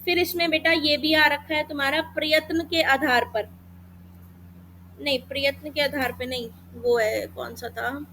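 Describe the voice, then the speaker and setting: Bright high-voiced woman teacher. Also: steady tone, a little hiss or hum. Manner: addresses students as beta, mixes English terms; demonstrates sounds slowly. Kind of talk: exam-prep lesson.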